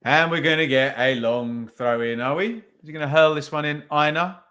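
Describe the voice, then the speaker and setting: A man's voice: fairly high pitch, normal speed, fairly bright tone. A man hosting a podcast, giving casual live watch-along commentary on a football match, chatty and thinking aloud with tag questions. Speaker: podcast host.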